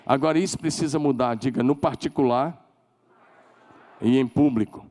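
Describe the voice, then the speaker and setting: A man with a Brazilian Portuguese accent preaching a sermon as pastor, emphatic, leading call-and-response and climbing to shouted declarations. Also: medium pitch, moderate pace. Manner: leads the congregation in call-and-response.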